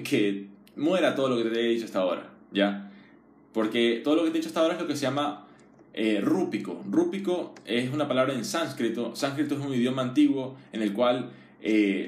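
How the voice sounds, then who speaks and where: Conversational man teaching in a roomy space. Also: medium pitch. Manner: conversational, checks understanding often; frequent fillers and restarts. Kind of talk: informal one-on-one explanation. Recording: roomy echo.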